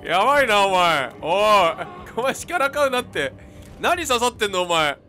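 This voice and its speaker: Excitable high-voiced man doing game commentary. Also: measured pace, a little hiss or hum. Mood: panicked. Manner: jokey, talks to enemies, yells in panic. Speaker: game streamer.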